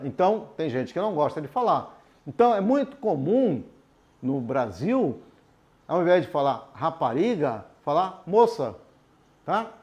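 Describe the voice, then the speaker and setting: Teaching adults to read at a board, this man speaks with a fairly high, somewhat mellow voice. He takes his time over each explanation and checks on the students with questions such as "tudo bem?".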